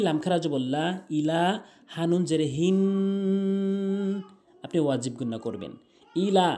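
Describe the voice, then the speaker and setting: Speaking in a high voice with a dark tone, a man goes through a Quranic verse letter by letter and vowel by vowel. He then chants it slowly, stretching the notes out long.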